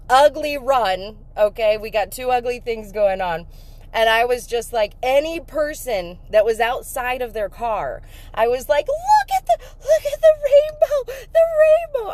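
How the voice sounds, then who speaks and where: A woman telling an emotional faith story in a casual vlog, emphatic and excitable, breaking into laughter. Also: fairly high pitch. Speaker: faith vlogger.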